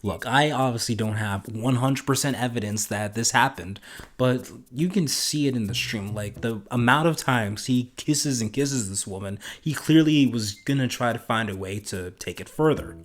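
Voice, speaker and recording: A man's voice: medium pitch, moderate pace. A man hosting an informal, opinionated commentary video in a sardonic, emphatic manner.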